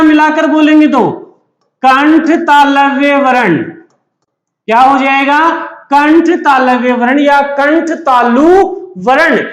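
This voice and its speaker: Man, very high voice, exam-prep teacher, asks and answers himself, echoey room. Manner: repetitive call-and-answer teaching.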